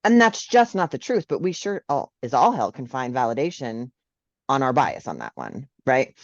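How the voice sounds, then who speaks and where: A woman's voice: very deep voice, normal speed, no room sound, muffled recording. A woman, a social worker, talking in a casual interview and often checking in with "right?". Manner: animated, frequent "right?" tags.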